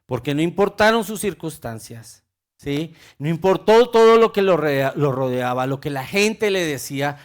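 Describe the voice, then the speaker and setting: A man preaching a sermon with passion, swinging between loud urgent calls and quiet low remarks. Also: expressive, normal speed.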